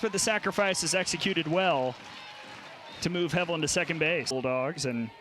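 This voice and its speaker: High-voiced male play-by-play announcer. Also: bright, forceful tone. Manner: clipped, punchy phrases. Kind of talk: live softball play-by-play commentary. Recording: noisy stadium crowd behind commentary. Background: crowd and outdoor ballpark noise.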